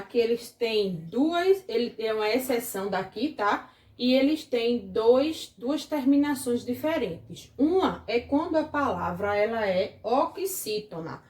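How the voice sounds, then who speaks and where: A Brazilian woman teacher with a rather high voice talks children through a grammar lesson. She goes slowly and patiently, checking in with the class after each step. The room around her is echoey. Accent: Brazilian Portuguese. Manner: patient, explains slowly, keeps asking the class "certo?". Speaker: primary school teacher.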